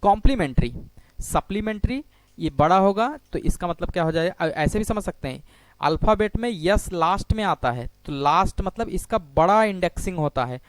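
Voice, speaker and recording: A man with a high voice teaches a geometry class for exam students, recorded close to the mic with almost no room sound. He explains step by step, asks a question and then answers it himself. He keeps checking in with short repeated words. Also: no room sound. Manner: repeats "ठीक है" often while explaining on a board. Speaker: maths teacher. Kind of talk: exam-prep geometry lecture.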